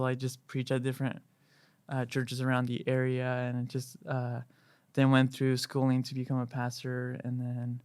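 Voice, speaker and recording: A man in his thirties from Chile whose first language is Spanish, a worship director telling his story in a podcast interview in a relaxed, halting way with many fillers. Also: mid-range voice, smooth, no room sound. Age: 30s.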